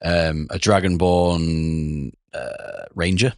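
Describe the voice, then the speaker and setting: A very low-voiced man, hoarse and rough from a sore throat, chatting on a podcast. He rambles along with lots of restarts. The sound is close and dry, with no room around it. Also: steady tone, slow, darkish tone, dry recording. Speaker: podcast co-host, game master. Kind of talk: casual chat.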